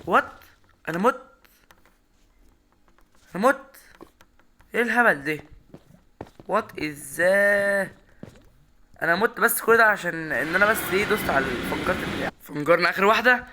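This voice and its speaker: A young man with an Egyptian Arabic accent commentating his own Minecraft run, excitable, talking straight to his viewers and repeating words in bursts. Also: sits high, a little fast, pauses often, slight background noise. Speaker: gaming YouTuber.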